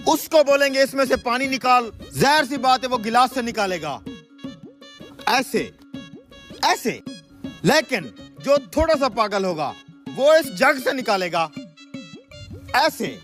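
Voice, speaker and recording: A man acting in a comedy sketch, naive and excitable, with theatrical asides to the audience. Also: very high voice, a little slow, pauses often, faint music behind. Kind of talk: comic sketch dialogue.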